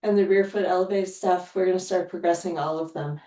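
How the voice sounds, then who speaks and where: A woman's voice: lowish voice, fairly even intonation, a little fast, dark tone, far from the mic. A woman leading a strength workout, counting reps aloud and reassuring people to go at their own pace, often sighing between sets. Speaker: fitness instructor. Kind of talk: live workout coaching. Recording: roomy sound from away from the mic.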